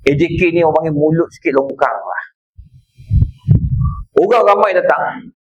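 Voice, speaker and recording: Malaysian preacher, man, middle-aged, mosque talk, husky tone, playful and animated. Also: a little high, moderate pace, dull audio. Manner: animated, joking storyteller, acts out people. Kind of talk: mosque religious lecture.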